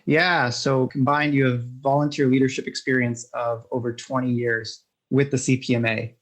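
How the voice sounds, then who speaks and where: A man's voice: mid-range voice, little pitch movement, moderate pace, a bit bright. A man hosting a podcast interview, asking questions in a friendly, informal way with frequent fillers and restarts. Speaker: podcast host.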